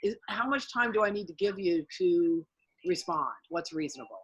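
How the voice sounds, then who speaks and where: Bright, breathy woman asking a question. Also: lowish voice, expressive, normal speed, dull audio. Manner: hesitant, circling, filler-heavy. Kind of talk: casual question on a video call.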